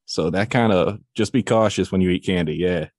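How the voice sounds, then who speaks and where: A man's voice: sits low, a little fast, a little mellow, dry recording, studio quality. A man chatting on a casual podcast in an offhand, jokey, laid-back way.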